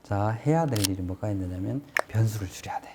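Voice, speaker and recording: A man's voice: on the low side, expressive, fast, background noise. A man giving a casual explanatory lecture on construction management, plain-spoken and asking rhetorical questions as he teaches.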